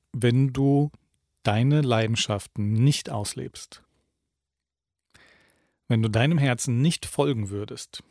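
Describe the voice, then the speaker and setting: Calm German man posing coaching questions. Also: mid-range voice, no room sound, clean studio sound. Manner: calm, addresses the listener directly with questions. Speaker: self-help coach. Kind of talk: reflective self-help talk.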